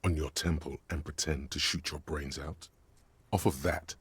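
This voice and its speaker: A deep, sardonic inner voice. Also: male voice, fairly even intonation, moderate pace, a bit bright, husky, dry recording, exaggerated voice. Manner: sardonic, needling. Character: smug male inner voice of a detective. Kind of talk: game voice acting and narration.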